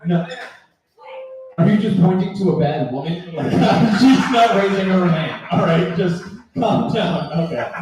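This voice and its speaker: A man's voice: high voice, expressive, slow pace, long pauses. A man hosting an open mic, joking loosely with the crowd and laughing between lines. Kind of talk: emceeing and crowd work. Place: small bar with live audience. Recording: echoey bar room, mic heard from a distance.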